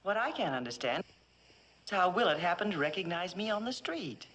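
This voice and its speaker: An actress playing a faded actress hired as a double, patient and mildly wry, in a 1960s television drama. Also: female voice, on the low side, sing-song, fairly quick, a bit bright, poor audio.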